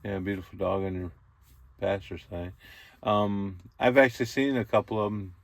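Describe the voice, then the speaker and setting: A man who knows CB radio well casually walks through trucker slang from a truck cab's passenger seat, talking in a folksy, colloquial style like an old radio hand. His voice is on the low side, steady and at normal speed, with vocal fry.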